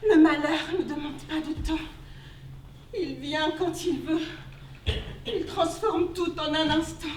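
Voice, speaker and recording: Woman playing a frantic big sister on stage, super high voice, mic far off. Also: fairly even intonation, slow pace, a little hiss or hum. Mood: grave. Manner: pleading, then shrill and panicky. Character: frantic older sister, pleading and scolding. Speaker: amateur stage actor. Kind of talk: stage play performance. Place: theater stage. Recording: echoey hall, distant camera.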